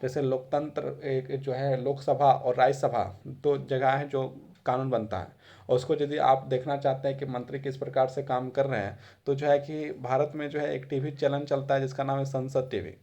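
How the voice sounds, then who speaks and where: A man's voice: medium pitch, little pitch movement, moderate pace, mellow. A man giving a classroom lecture in a conversational way, repeating phrases for emphasis. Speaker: teacher.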